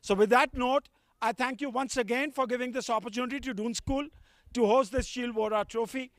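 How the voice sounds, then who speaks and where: A middle-aged man with an Indian accent and a very high-pitched voice delivers a ceremonial speech of thanks. His manner is effusive and formal, and the sound is dry, with little echo. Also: steady tone, brisk, a bit bright. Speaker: school official giving a thank-you speech. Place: outdoor school playing field.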